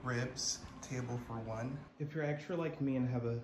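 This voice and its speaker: A man's voice: moderate pace, slight background noise. A young man filming himself in his home kitchen on a phone held at arm's length, chatting playfully as he walks through a recipe. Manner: playful, chatty, lively pitch swings. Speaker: home cook sharing a recipe. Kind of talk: upbeat cooking video narration. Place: home kitchen and hallway, indoors. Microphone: phone camera held at arm's length. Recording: echoey home kitchen with faint ambience.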